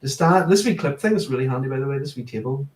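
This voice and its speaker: A man joins a relaxed video-call chat, talking practically and getting a bit nerdy about his equipment. His voice sounds roomy and set back from the mic. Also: medium pitch, fast talker. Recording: roomy and distant.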